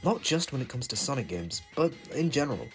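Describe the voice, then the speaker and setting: A young man with a sick, hoarse, raspy voice, narrating a scripted video essay as a gaming host in an enthusiastic, opinionated way. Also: mid-range voice, big pitch swings, fairly quick, faint music behind.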